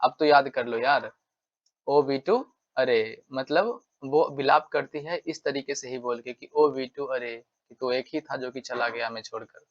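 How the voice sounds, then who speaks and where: A man's voice: medium pitch, fairly even intonation, moderate pace. A male English teacher giving a casual exam-prep lesson, repeating himself and checking in with tag questions. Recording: dull lo-fi sound.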